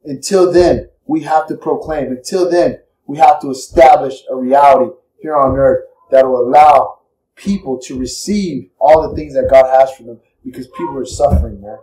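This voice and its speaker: Male preacher, fervent and repetitive, mellow voice, mic a little far off. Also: mid-range voice, normal speed, roomy sound. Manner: impassioned, repetitive, emotional. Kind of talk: sermon.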